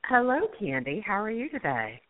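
A woman's voice: medium pitch, sing-song, moderate pace. A woman calling in to a radio show over a phone line, speaking in a hesitant, reflective way. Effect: caller heard over a phone line on a radio show. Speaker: radio call-in caller. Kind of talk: casual call-in chat.

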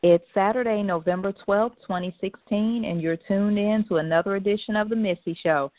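A woman's voice: medium pitch, brisk, no echo. A woman hosting an internet radio show in casual, chatty talk. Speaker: host. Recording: tinny phone-line internet radio.

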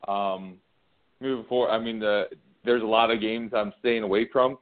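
A man's voice: fairly low pitch, fairly even intonation, moderate pace. Hesitant man co-hosting sports radio. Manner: hesitant, repeating words. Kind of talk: sports betting talk. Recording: phone-like line.

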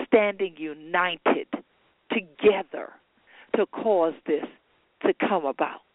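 High-voiced man, phone-like sound. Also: dry recording. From Gullah Geechee lowcountry of coastal South Carolina. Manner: emphatic, deliberate, storytelling with rhetorical questions. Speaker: show host and heritage speaker. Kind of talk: spoken history talk to an audience. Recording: thin phone-like radio sound.

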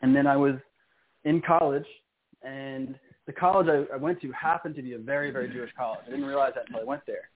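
A man's voice: mid-range voice, fairly even intonation, fast. A young man from New York, a guest calling into a radio interview, earnest and hesitant with many ums. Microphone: phone call. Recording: tinny phone line.

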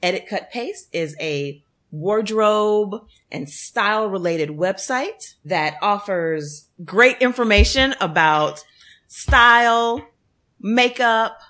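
A woman's voice: mid-range voice, expressive, slow pace, a bit bright. A woman hosting a podcast with casual interview chat and a playful, teasing way of talking. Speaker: podcast host.

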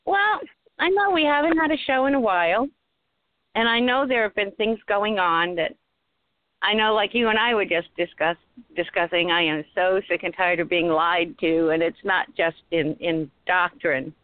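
A woman's voice: lowish voice, moderate pace, dry recording. Rhode island accent lady hosting a casual chat show, sounds like shes on a phone line. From Rhode Island, USA. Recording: tinny phone-like internet call audio.

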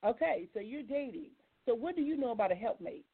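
Here a woman's voice runs a little high, expressive and brisk with a breathy edge. She's an American talk show host taking calls on a casual live program, questioning people in a folksy, conversational style, and the sound is thin like a phone line.

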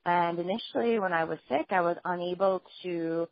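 A woman journalist and author, a guest in a phone interview, telling her life story in an earnest, steady way. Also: on the low side, moderate pace, no room sound. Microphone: phone line. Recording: dull lo-fi phone line.

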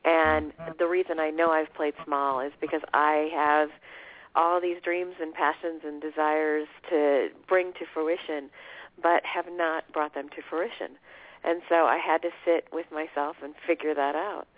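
Female guest coach with a cold, croaky voice, earnest conversational delivery, heard over a narrow telephone line. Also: low voice, level tone, measured pace. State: has a cold. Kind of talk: conversational interview. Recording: tinny phone line.

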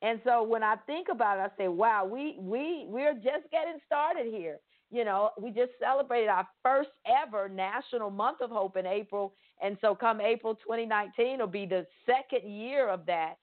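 A woman's voice: mid-range voice, normal speed, hardly any pauses. A middle-aged woman from Florida hosting a faith-based podcast interview, earnest and enthusiastic, often repeating words for emphasis. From Pensacola, Florida. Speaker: podcast host. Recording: tinny phone-like sound.

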